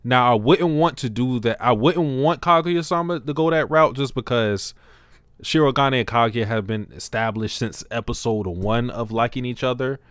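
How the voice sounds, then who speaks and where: A man hosting a casual livestream podcast, talking in an animated, slangy way and laughing often. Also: mid-range voice, normal speed, clear, resonant tone, dry recording, clean studio sound. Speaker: podcast host.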